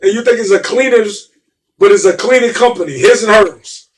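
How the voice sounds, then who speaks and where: A man's voice: high voice, moderate pace, distant mic. A middle-aged man with a New York accent, telling stories in casual, emphatic street talk and repeating himself. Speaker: guest.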